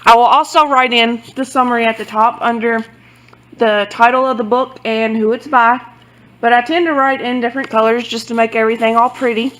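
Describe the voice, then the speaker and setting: A woman's voice: fairly high pitch, steady tone, brisk, a bit bright, poor audio. A woman giving a casual, rambling show-and-tell of her book journal, often correcting herself as she goes. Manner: rambling, self-correcting, loose and chatty. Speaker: book vlogger.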